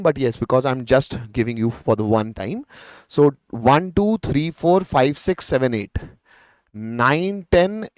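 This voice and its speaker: Indian guy teacher doing live exam revision, encouraging, bit of hindi mixed in, mid pitch, dry sound. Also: a little mellow, no echo, rough recording. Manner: encouraging, coaching, often addresses students directly; mixes Hindi words into English. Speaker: chemistry teacher.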